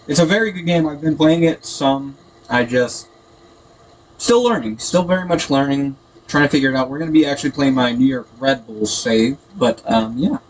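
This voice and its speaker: A man's voice: mid-range voice, moderate pace. A man giving casual, hesitant, rambling gameplay commentary, sounding tinny and echoey through a built-in computer microphone. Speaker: gaming video host. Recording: tinny echoey computer mic, background noise.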